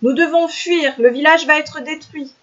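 A reader putting on a desperate young hunter, voice pushed high and urgent, begging to be believed. The lines sound imploring and tense. The recording is muffled and lo-fi. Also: moderate pace, natural voice. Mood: alarmed.

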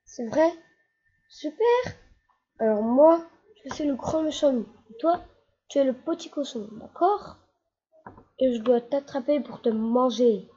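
A woman voicing a young boy in a children's storybook reading, with a childlike, lively manner. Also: high-pitched, normal speed, close to an everyday voice. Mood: excited. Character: young boy Fanfan, shy then excitable. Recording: slightly dull lo-fi with faint noise.

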